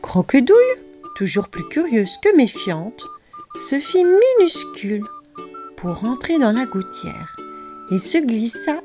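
A woman narrating a children's storybook in an expressive, lively manner. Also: high voice, takes it slowly, faint music behind.

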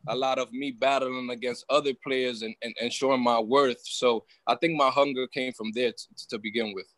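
A young man from New York, a pro basketball player, answering on a video call from his phone outdoors, steady and plain-spoken. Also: mid-range voice, moderate pace, no echo, poor audio. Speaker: professional basketball player, panel guest. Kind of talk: casual video call interview.

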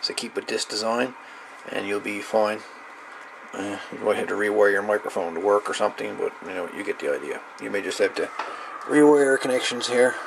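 With a lowish voice, some vocal fry, and a slightly quick delivery, a man gives an easygoing, unscripted electronics tutorial. As a hobbyist, he demonstrates a DIY radio project in a rambling, informal, hands-on way at an indoor workbench. The sound is from a noisy camera microphone.

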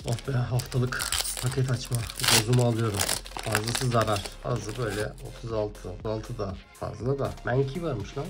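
Gravelly man muttering through card packs. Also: mid-range voice, normal speed, loud music behind the voice. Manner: chatty, muttering card names, bursts of loud excitement. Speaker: card-opening video host. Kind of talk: casual pack-opening commentary.

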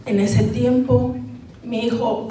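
An older Mexican woman with a Mexican accent, telling her story as a bereaved mother in a slow, halting, sorrowful way. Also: a little high, little pitch movement, dark tone, slight background noise. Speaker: bereaved mother giving testimony. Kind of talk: personal testimony. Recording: echoey, distant mic with music underneath.

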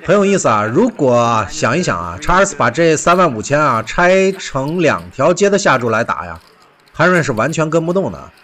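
Lively man giving poker commentary. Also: fairly high pitch, normal speed. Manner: animated, with rhetorical questions and exclamations. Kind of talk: recorded highlight commentary voice-over.

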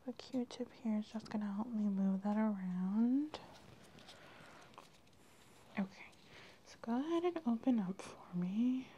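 Woman, ASMR dentist roleplay, gentle reassuring whisper, mellow tone. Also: on the high side, a little slow, pauses often, muffled recording, a little hiss or hum. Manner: gentle, soft-spoken, reassuring.

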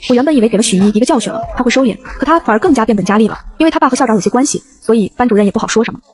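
Woman reading a web novel out loud, slightly high voice, rattles through it super fast. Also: lively intonation, breathy edge. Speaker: story narrator. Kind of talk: scripted web novel narration.

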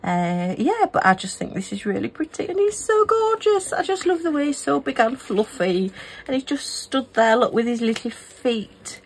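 A woman's voice: on the high side, sing-song, moderate pace, breathy edge. A middle-aged woman from the UK, chatting casually and gushing as she unboxes and reviews craft kits. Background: a small fan humming.

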